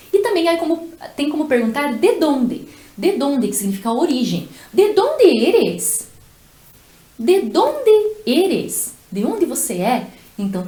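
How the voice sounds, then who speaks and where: Lively, high-voiced woman teaching Spanish. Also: reverberant. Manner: slow, carefully articulated model phrases with pauses. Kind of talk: language lesson with repeat-after-me drills.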